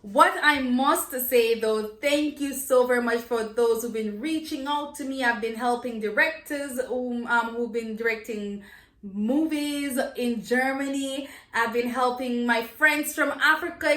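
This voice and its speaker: A woman with a Jamaican accent giving an informal lesson to camera, slipping between Jamaican Patois and English in an expressive, conversational way and repeating phrases for learners. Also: high-pitched, normal speed. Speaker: Jamaican Patois teacher, video host. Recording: echoey, roomy sound.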